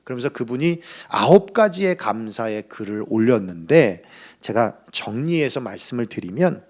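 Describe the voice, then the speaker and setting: A man's voice: medium pitch, very animated, normal speed, darkish tone. A man pastor giving a Sunday sermon, earnest, building to emphatic peaks. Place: church.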